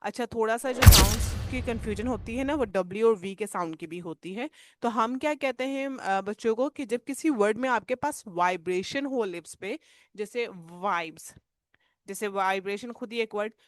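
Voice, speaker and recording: A woman teaching phonics to mothers and teachers, explaining patiently and drawing out example sounds slowly. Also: fairly high pitch, dry recording. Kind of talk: teaching phonics in mixed Hindi and English.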